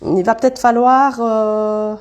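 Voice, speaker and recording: Woman, chatty live card reader, soft warm tone, greets her viewers as she goes. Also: fairly high pitch, little pitch movement, takes it slowly. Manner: chatty, thinks aloud, greets viewers by name. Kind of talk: casual live-stream card reading.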